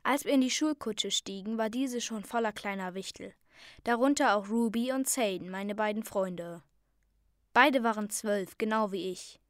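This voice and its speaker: A woman reading a fantasy story aloud in a calm, soft voice that sometimes drops to a near whisper. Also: medium pitch, moderate pace, no echo, studio quality.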